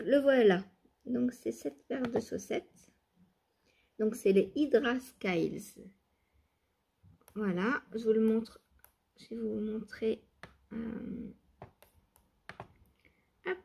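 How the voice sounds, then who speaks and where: A woman chatting casually in a knitting vlog, laughing often and filling pauses with hesitations. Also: mid-range voice, creaky, darkish tone, husky. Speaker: knitting vlogger. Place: outdoors or by open door, cool weather.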